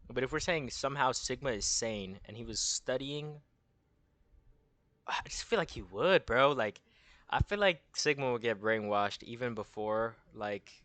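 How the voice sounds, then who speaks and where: A man's voice: medium pitch, a little slow, fairly bright tone, no echo. A young man hosting a casual gaming tier-list video, rambling in crude slang and losing his train of thought.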